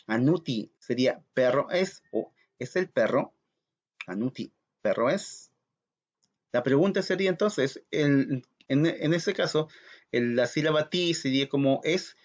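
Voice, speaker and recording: A man teaching a recorded language lesson, slow and patient, repeating words for learners to practise. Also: on the high side, lo-fi sound.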